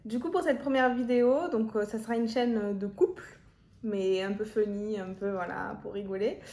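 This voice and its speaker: In an echoey room, a woman in her 20s from Marseille, France, hosts a couple's Q&A vlog as half of a couple channel. Her medium-pitched, darkish voice moves at normal speed as she chats casually and playfully, giggling and teasing.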